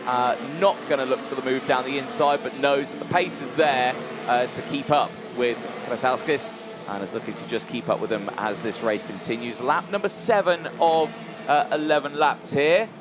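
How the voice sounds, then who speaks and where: A man's voice: medium pitch, moderate pace, over music. A man commentating live on motor racing from a trackside box in a conversational way.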